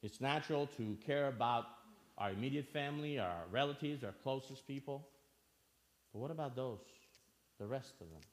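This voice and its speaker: A man's voice: medium pitch, lively intonation, normal speed. A man from Albania preaching a sermon in church, earnest, asking the listeners questions and repeating phrases for emphasis.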